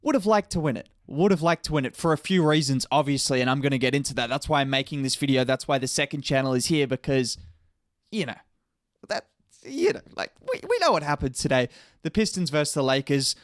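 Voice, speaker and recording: A man's voice: fairly high pitch, expressive, fairly quick, dry recording, studio quality. A young man giving rambling, opinionated basketball commentary in a casual talk.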